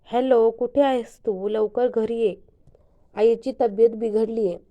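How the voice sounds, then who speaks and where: A woman reading the part of an anxious, scheming young woman in an audio story, hurried and tense. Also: a little high, steady tone, dark tone, close to an everyday voice. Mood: urgent.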